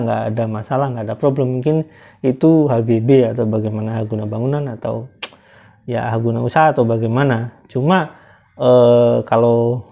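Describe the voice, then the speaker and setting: A man talking casually to his viewers as a commentator, often pausing with hesitant fillers. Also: medium pitch, mellow. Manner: hesitant, fills pauses with "eh".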